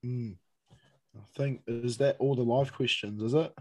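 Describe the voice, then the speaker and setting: A man's voice: mid-range voice, steady tone, measured pace. A young man of seventeen with a New Zealand accent, asking questions in a casual, chatty interview style.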